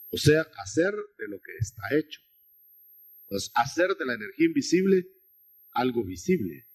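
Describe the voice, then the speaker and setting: A man's voice: mid-range voice, darkish tone, breathy edge. A man preaching a sermon, explaining scripture in a teaching manner, addressing listeners as brother and often restarting his phrases. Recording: 1990s.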